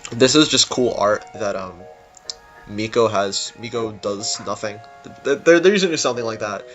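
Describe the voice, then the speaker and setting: Game music plays under a man's lowish, slightly bright voice as he rambles at a moderate pace through unscripted commentary on a level he built. The sound quality is lo-fi, and the tone is casual.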